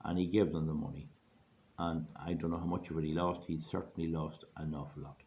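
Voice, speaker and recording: A hoarse Irish man giving an informal, rambling monologue in a plain-spoken, folksy way, repeating phrases for emphasis. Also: a bass voice, steady tone, brisk, dark tone. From Ireland. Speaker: online video host giving money advice. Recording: dull lo-fi audio, faint background noise.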